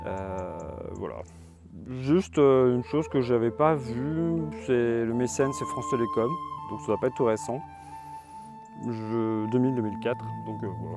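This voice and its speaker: A young man casually reviewing music albums to a phone camera, thinking aloud with many hesitations. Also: medium pitch. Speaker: vlogger presenting borrowed music albums. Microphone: phone camera on a tripod.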